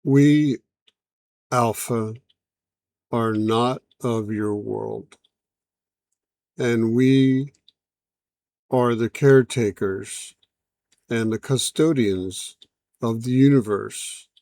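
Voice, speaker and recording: A solemn male alien envoy speaks slowly and evenly, voiced by a man telling the story. His voice sits at a middle pitch with a dry, close sound. Every word comes out formal and patient. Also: vocal fry, a little mellow, dry recording. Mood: calm, solemn. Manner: measured, formal, unhurried speech.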